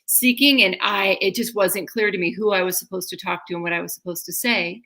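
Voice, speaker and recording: A woman, guest on an interview show, telling a personal story in an animated, expressive way and slipping into quoted voices. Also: mid-range voice, a little fast. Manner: expressive, breaks into acted-out quotes. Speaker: guest speaker and comedian.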